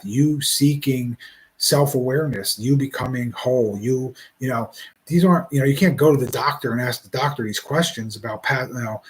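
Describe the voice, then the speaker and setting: Speaking at a medium pitch, a forty-something man muses aloud in a relaxed monologue that wanders and stalls, often starting his sentences over.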